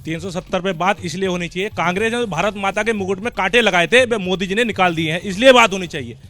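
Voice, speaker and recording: A man's voice: high-pitched, fast, pushed and bright, faint music behind. A male debate participant at an outdoor public gathering, speaking emphatically.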